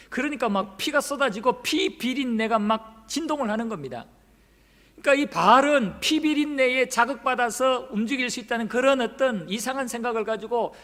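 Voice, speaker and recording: A man's voice: high voice, fairly bright tone. A male pastor preaching a sermon, telling the story with dramatic flair and acting out the quoted lines. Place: church sanctuary. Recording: long church hall reverb.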